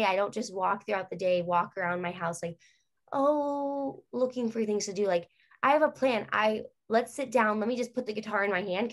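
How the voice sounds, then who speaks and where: A young woman, a guest singer, talking earnestly and chattily on a video call, drifting off on tangents. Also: mid-range voice. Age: young adult. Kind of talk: casual video-call interview. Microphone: laptop webcam on video call.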